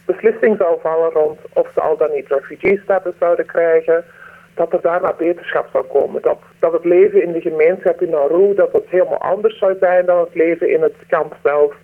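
Woman disguised by deep pitch-shifted distortion. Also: steady tone. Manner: earnest and pained, with hesitant pauses. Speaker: anonymous former aid worker interviewee. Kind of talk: radio interview answers. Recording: distorted, narrow phone-like sound.

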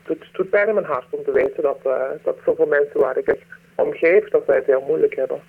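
A woman, her voice disguised by a deep pitch-shift distortion, answering a radio interview earnestly with hesitant pauses. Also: slightly rough. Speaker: anonymous former aid worker interviewee. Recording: distorted, narrow phone-like sound.

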